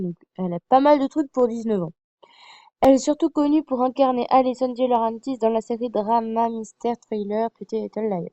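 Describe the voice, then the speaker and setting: This fan vlogger is a young woman presenting a TV series to her audience, sounding unsure and peppering her speech with fillers and apologies. Her pitch sits on the high side with a dark tone, and the audio is dull but free of echo.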